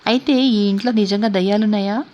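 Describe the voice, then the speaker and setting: A cheeky young woman who mocks her friends in a spoken storybook, as a woman narrator puts her on. It is an everyday voice at a middle pitch. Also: brisk, mellow, highs cut off, lightly acted. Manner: mocking.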